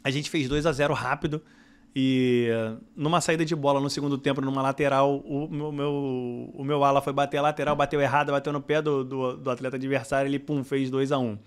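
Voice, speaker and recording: A middle-aged Brazilian man, a football director guest, telling anecdotes in casual podcast chat, his voice climbing when he gets excited. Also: medium pitch, a little fast, smooth.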